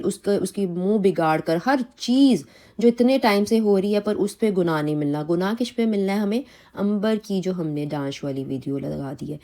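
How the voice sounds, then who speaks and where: A woman's voice: lowish voice, dark tone. A woman reaction vlogger with a Pakistani Urdu accent, giving heated commentary on online drama and rambling indignantly with many restarts.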